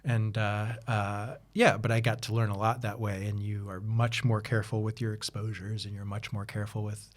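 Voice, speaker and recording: An American man in his 30s, appearing as a chatty podcast guest, talks in a lowish, flat voice at a moderate pace with few pauses. In this casual interview, he rambles through stories with many restarts and fillers and laughs easily.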